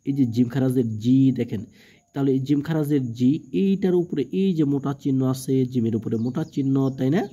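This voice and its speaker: A man's voice: fairly quick, warm tone, husky. A man teaching Quran reading. He spells out letters and vowel marks one by one, drags out the long vowels and often checks in with his listeners. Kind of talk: slow spelling-out lesson. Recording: muffled low-fidelity audio.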